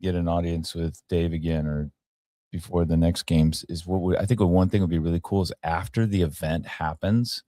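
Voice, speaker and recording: A man's voice: low voice, fairly even intonation, normal speed, mellow, no echo, clean studio sound. A man hosting a casual podcast chat, telling rambling stories with frequent laughs and restarts. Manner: rambling storyteller, laughs often, many restarts. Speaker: podcast host.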